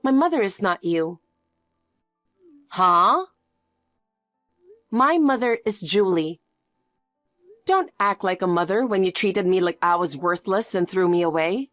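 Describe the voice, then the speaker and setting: A young woman voicing a cold, firm daughter who speaks in a flat, curt way. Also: mid-range voice, unhurried, long pauses, no echo, soft background music. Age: young adult. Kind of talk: animated story voice.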